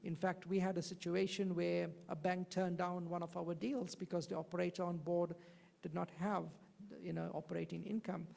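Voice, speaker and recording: Very gravelly panelist in a hall. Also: mid-range voice, little pitch movement, normal speed, a little mellow. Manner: agreeing, explanatory, many fillers. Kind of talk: panel discussion. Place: conference hall. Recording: hall reverb.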